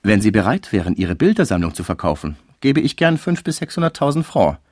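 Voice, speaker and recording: A wealthy gentleman of an old novel, courteous on the surface and weighing every deal, speaking in a lively, rising and falling voice, as a male narrator plays him. The sound is dry and close. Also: lowish voice, fairly quick, no room sound. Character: rich German gentleman, polite and calculating.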